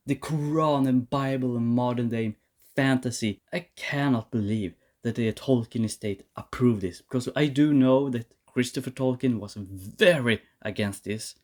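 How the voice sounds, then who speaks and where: A man's voice: mid-range voice, a little mellow. Angry man ranting, full of swearing. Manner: heated, profane, repeats and restarts words. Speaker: vlogger reviewing a series. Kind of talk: angry rant to camera.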